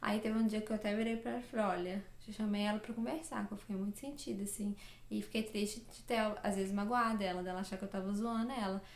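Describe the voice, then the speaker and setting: A woman's voice: mid-range voice, steady tone, fast talker. A young woman from Minas Gerais with a Minas Gerais Brazilian Portuguese accent, chatting casually to camera as a vlogger and rambling with many fillers and self-corrections. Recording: echoey room.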